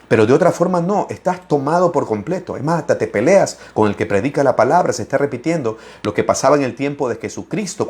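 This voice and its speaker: A middle-aged man preaching in an animated Bible-study talk. He swings his voice up and down and laughs as he speaks. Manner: expressive, raises and lowers his voice, laughs while speaking; acts out opponents' lines in mocking voices.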